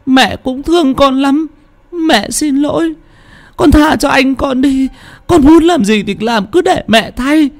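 A man voicing a grieving mother who pleads in a high, strained voice for her son who has become a demon. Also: slow pace, full character voice. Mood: pleading, tearful.

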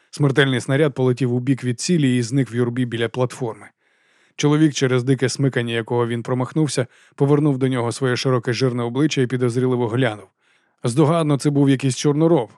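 Man, audiobook narrator, measured expressive reading, dry close recording. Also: mid-range voice, no echo. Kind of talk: scripted narration.

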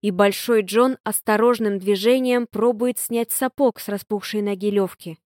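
A woman reading a story aloud in the first person, in expressive audiobook narration. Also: medium pitch, normal speed, dry recording, studio quality.

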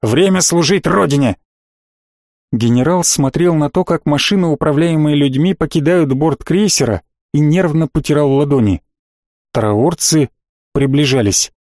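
A man narrating a science fiction audiobook in a steady, dramatic reading style. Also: on the high side, normal speed, no echo, studio quality. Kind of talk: scripted narration.

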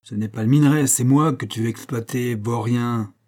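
A man's voice: medium pitch, moderate pace, dark tone, natural voice. A man reading aloud voicing an impatient, superstitious old father who grumbles and grows exasperated. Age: older.

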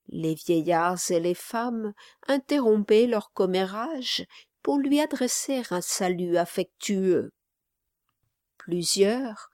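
A woman reading a classic novel aloud as audiobook narrator, slow and measured. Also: mid-range voice, darkish tone, no room sound, clean studio sound. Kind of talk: scripted narration.

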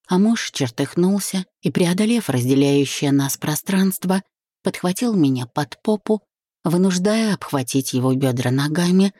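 A woman narrating a first-person romance audiobook in an even, intimate manner. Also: deep voice, dry recording, clean studio sound.

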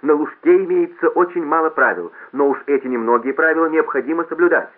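A man voicing a brash male announcer booming over a loudspeaker, bossy and mocking, on a lo-fi line. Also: fast, lightly acted. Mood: scolding. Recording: lo-fi phone-like audio.

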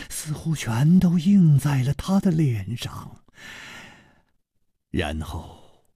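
Storybook hero: a relaxed, charming young swordsman, as a male reader voices him, low and hushed. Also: no echo, clean studio sound, full character voice. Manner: murmuring, hushed.

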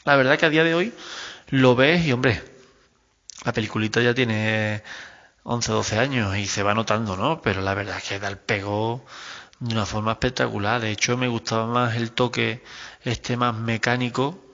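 A man, recording a voice message for a podcast in a measured, musing way. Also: mid-range voice, steady tone, a bit bright. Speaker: listener sending an audio message. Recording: dull, reverberant lo-fi audio.

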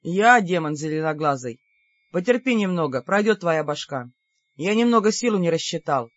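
An audiobook reader voicing a calm young man, the dry, mocking and stern older brother. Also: mid-range voice, normal speed, no room sound, dull audio, lightly acted. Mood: wry, stern.

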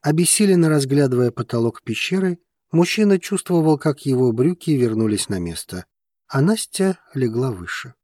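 A man narrating an audiobook in a measured, even reading manner. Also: mid-range voice, dry recording, clean studio sound.

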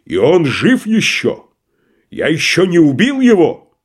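A man's voice: fairly high pitch, wildly swooping pitch, takes it slowly, breathy edge, pitched above the performer's own voice, exaggerated voice. A man voicing a pompous, grandiloquent tragic actor, declaiming theatrically in an audiobook play reading. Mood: indignant declaiming.

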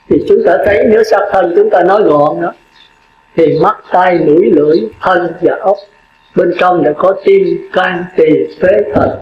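High-voiced monk preaching. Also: male voice, slight background noise. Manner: lists points slowly and asks the audience rhetorical questions. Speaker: Buddhist monk. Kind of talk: Buddhist sermon. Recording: roomy, dull lo-fi recording.

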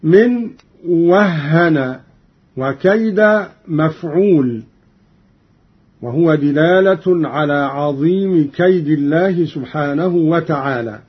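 A man teaching Quran recitation, who explains reading variants in a measured scholarly way and chants each verse in a slow, drawn-out melody. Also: fairly high pitch, husky. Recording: dull lo-fi recording.

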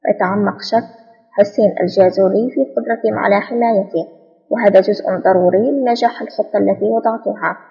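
A woman narrating a spy novel audiobook in a brisk, steady reading. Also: mid-range voice, gravelly, breathy edge, long reverb tail, highs cut off.

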